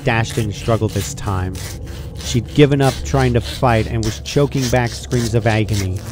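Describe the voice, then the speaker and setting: A man with a mid-range voice reads a scripted fan fiction story aloud as its narrator, at a moderate pace. The home recording is clearly noisy.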